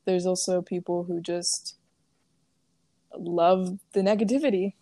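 A woman's voice: fairly low pitch, steady tone, a little slow, mellow, dry recording, clean studio sound. A young woman co-hosting a podcast in casual chat, rambling with lots of fillers and frequent laughs. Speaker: podcast co-host.

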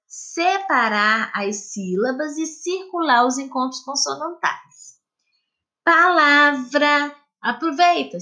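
A woman teacher leads a lesson for young children. Her voice sits high and moves through a wide, lively melody. She speaks slowly and stretches out each word she dictates. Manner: slow, lively, drawn-out dictation of words. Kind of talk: recorded classroom lesson for children.

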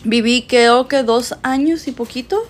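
Laughing a lot and moving between English and Spanish, this twenty-something Mexican woman is a podcast co-host in casual conversation. She speaks a little slowly, with a voice on the high side.

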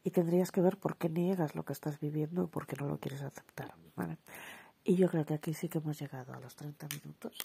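A woman hosts a solo podcast in a frank, chatty way, often correcting herself. Her voice sits low and has a gravelly, husky grain. She checks in with the listener as she explains. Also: fairly even intonation, brisk, warm tone. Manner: chatty, frank, self-correcting, keeps asking "vale". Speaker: podcast host. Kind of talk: solo podcast talk on relationships.

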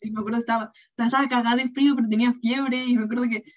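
Chilean girl chatting, kinda high voice, dull lo-fi sound, acts out everyone she quotes. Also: fairly even intonation, racing. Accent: Chilean Spanish. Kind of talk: casual chat.

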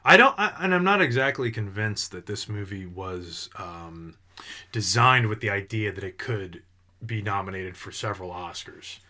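A man co-hosting a movie podcast in casual chat, animated and quick to laugh, often restarting his sentences. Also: on the low side. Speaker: podcast co-host.

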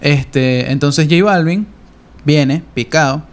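Man, slightly high pitch, playful, casual podcast chat. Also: slow. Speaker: podcast co-host.

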